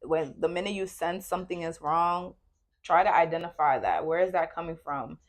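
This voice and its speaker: Animated woman telling a work story. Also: fairly low pitch, moderate pace. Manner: animated storytelling, acts out her own quoted lines. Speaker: podcast co-host. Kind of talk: casual podcast conversation.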